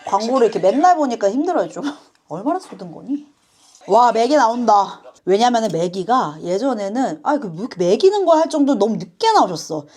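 A woman hosting a reaction video, chatting casually with quick asides and frequent apologies. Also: on the high side, big pitch swings, a little mellow.

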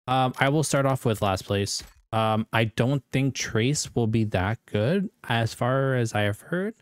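A man's voice: mid-range voice, dry recording, clean studio sound. A young American man with a rambling, self-correcting way of talking, giving casual esports predictions as a video host.

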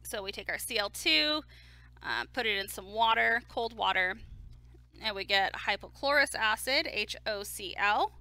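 Bright-voiced woman lecturing on chemistry. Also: medium pitch, animated, moderate pace. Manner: casual, explains step by step with fillers. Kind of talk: recorded lecture.

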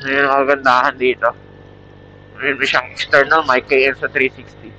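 Riding his motorcycle outdoors at night, a Filipino-accented man vlogs in a casual, rambling way that includes a product pitch. His mid-range voice is bright and forceful, moves little in pitch, and runs at normal speed. The Bluetooth helmet intercom mic leaves the audio muffled and band-limited, with slight background noise.

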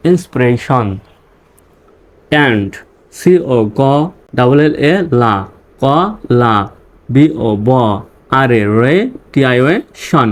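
A male teacher whose first language is Bengali, giving a reading lesson and spelling English words letter by letter before sounding them out. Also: mid-range voice.

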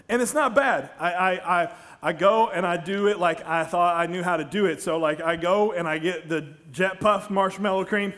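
A middle-aged man preaching a sermon on a large church stage, telling stories and joking with the congregation. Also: sits high. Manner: storytelling, animated, jokes with the congregation. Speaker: pastor.

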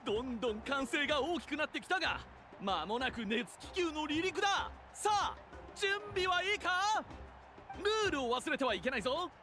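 An excited arena announcer for a fantasy game, calling the event in a very high voice that swings in pitch. Game music plays behind his rousing commentary. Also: normal speed, heavily acted. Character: excited male tournament announcer, booming and rousing.

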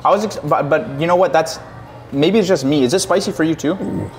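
A man's voice: fairly high pitch, fairly quick, soft background music. A young man co-hosting a casual food mukbang, talking playfully between bites in a restaurant. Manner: playful, exclamatory, talks while eating. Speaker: co-host. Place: restaurant in Toronto.

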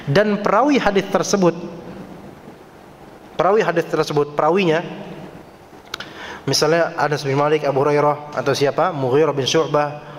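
A man preaching at a study lecture in a mosque, lively and joking with the audience, sighing in dismay at times. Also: a little high, moderate pace, pauses often. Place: mosque hall. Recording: echoey hall, faint background noise.

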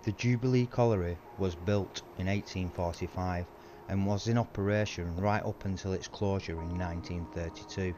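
A man, narrating history in a measured, informative voice-over. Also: sits low, fairly even intonation, noisy background. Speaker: urban explorer host.

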